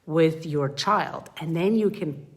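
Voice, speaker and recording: A woman coaching parents in a live group talk, her voice low and full. She speaks earnestly and with animation, and often slips into acting out what a parent or child would say. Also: slow.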